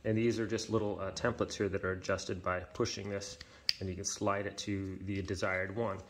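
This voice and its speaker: A man with a somewhat low voice talks through a hands-on woodworking demo in an indoor workshop. He rambles, restarts and fills gaps with "um" and "uh" as he goes. The mic sits with the camera over his hands. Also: flat delivery, slight background noise. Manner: rambling, halting, many fillers and self-corrections. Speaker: DIY woodworking channel host. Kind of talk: casual hands-on tool demonstration. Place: indoor workshop with concrete floor. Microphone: camera-mounted, hands-only point of view.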